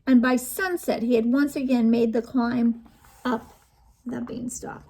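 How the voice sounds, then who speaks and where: A woman reading a storybook aloud to children, lively and inviting them to join in. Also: a little high, a little slow, slightly rough.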